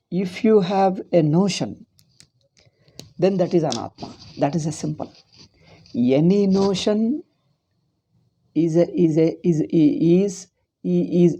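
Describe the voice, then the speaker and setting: A man with a South Indian accent teaching a scriptural lesson, deliberately repeating phrases for emphasis. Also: a little high, mellow, breathy edge. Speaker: teacher of Vedanta philosophy.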